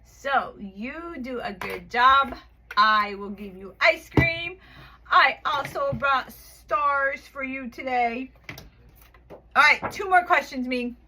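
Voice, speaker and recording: High, bright-voiced woman teaching a child. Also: a little hiss or hum. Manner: slow, exaggerated and cheerful with the child, calm aside to viewers. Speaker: online English teacher. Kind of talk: live online class for a young child. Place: home room at night.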